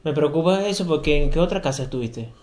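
A man co-hosting a casual chat, teasing and quick to laugh. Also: a little high, expressive, darkish tone. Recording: echoey room.

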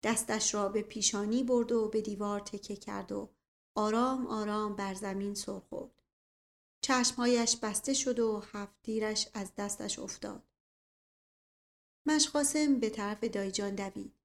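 A woman reading a first-person novel aloud in a steady storytelling manner. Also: medium pitch. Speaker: audiobook reader.

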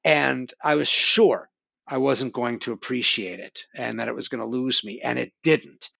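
Gravelly man enthusing about horror. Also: mid-range voice, moderate pace, no echo, muffled recording. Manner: animated storytelling with swearing. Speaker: podcast host. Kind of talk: casual conversation about horror films.

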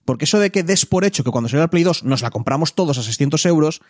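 A man's voice: on the high side, expressive, fast, dry recording, clean studio sound. A man hosting a podcast, chatting casually and reading listener comments aloud. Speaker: podcast host. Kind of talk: casual chat.

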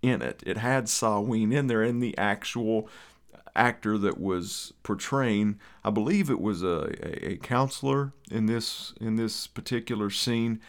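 Guy w/ eastern kentucky accent, kinda low voice, chatty podcast host, rambles a bit with folksy asides. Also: measured pace. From Eastern Kentucky, USA. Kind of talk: conversational podcast introduction.

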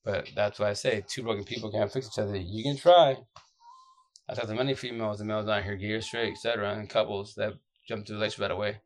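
A man with a deep, groggy, exhausted voice giving casual, blunt relationship advice off the cuff in slangy, repetitive phrases. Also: steady tone, fast. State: exhausted, short of sleep. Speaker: social media advice streamer.

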